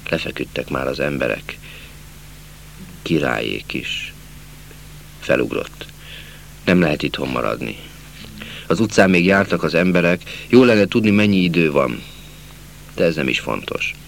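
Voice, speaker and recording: A man reading a literary novel aloud as an audiobook narrator, slow and measured, dropping to a hush at sad passages. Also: low voice, gravelly, slight background noise.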